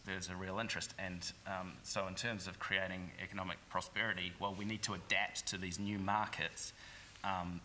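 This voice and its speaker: A man's voice: low voice, pushed and bright, a little hiss or hum. A man with a New Zealand accent, an app entrepreneur on a conference panel, talking in an upbeat, joking way.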